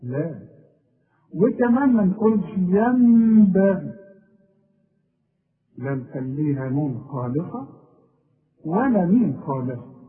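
A man with an Egyptian accent teaching tajweed, slowly stretching out recited example words and quizzing the listener. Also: on the high side, big pitch swings. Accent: Egyptian Arabic. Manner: repeats drawn-out example words, asks the listener questions. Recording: tinny phone-like audio.

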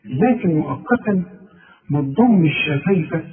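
A man's voice: on the high side, expressive, narrow, tinny audio. Egyptian man teaching Quran recitation. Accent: Egyptian Arabic. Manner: explains patiently, repeats words slowly to demonstrate. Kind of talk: tajweed lesson with recited examples.

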